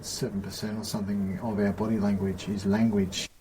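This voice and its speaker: A man's voice: lowish voice, little pitch movement, fairly quick, mellow, slight background noise, poor audio. A man in a podcast conversation, explaining ideas earnestly and checking that his listener follows. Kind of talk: casual conversation.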